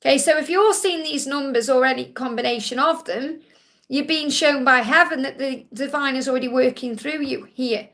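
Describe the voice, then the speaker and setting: A woman with a Stoke accent and a high, creaky voice with a bright, forward edge. She hosts live psychic card readings, talking to viewers in a reassuring manner. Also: normal speed. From Stoke, England. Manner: reassuring, repeatedly checking with "okay?".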